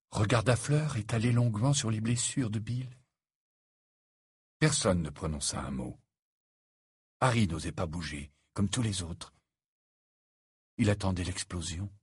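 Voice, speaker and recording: Expressive male audiobook narrator. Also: lowish voice, slightly rough, no echo, clean studio sound. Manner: expressive storytelling delivery. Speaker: audiobook reader.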